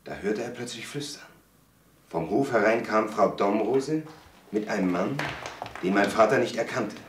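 Young male actor as a son narrating a crime, low and measured, echoey distant room sound. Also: close to an everyday voice. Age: young adult. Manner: measured storytelling. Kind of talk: 1970s TV crime drama monologue. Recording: roomy, distant, faint hiss.

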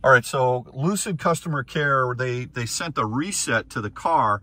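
Talking casually from the driver's seat, an electric-car vlogger rambles and reasons aloud as he drives and charges. His mid-range voice is bright and forceful, delivered at a moderate pace.

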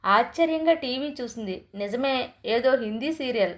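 Woman reading a story aloud, measured. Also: fairly high pitch, lively intonation. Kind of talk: scripted narration of a short story.

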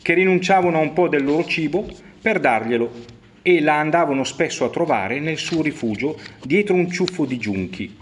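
A man narrating a children's fairy tale, expressive, with rising swells and slowed emphasis. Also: slight background noise. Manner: expressive storytelling with pitch swings and slowed emphasis. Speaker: storyteller.

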